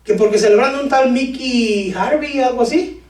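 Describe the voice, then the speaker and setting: A man preaching a lively sermon to his congregation with jokes, sudden shouts and talk of brothers. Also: extremely high pitch, normal speed. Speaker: pastor. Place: church hall. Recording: echoey church hall from far off.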